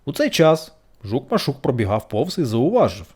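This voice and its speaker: A storyteller reading a bedtime fairy tale aloud in an expressive, sing-song manner. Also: mid-range voice, normal speed, husky.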